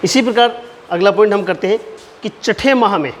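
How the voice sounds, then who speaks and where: A man teaching an exam-prep lecture, explaining point by point and slowly dictating key phrases, repeating them. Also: high-pitched. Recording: reverberant room with faint noise.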